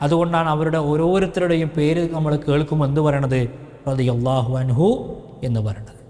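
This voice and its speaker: Fairly high-voiced male preacher in reverb. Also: fairly even intonation, brisk, darkish tone. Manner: storytelling with rhetorical questions to listeners. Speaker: Islamic preacher. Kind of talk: religious talk. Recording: long hall reverb.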